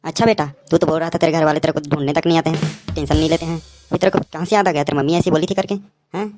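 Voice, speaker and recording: A man's voice: fairly high pitch, steady tone, racing, music in the background. A man giving a mocking, comic voice-over commentary on a cartoon as the channel host. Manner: mocking, roasting.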